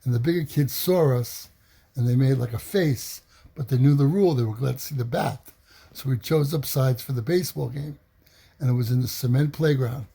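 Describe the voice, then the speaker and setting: Gravelly New man telling a story. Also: medium pitch, moderate pace. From New York City. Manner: animated, acts out quoted voices. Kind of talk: personal storytelling.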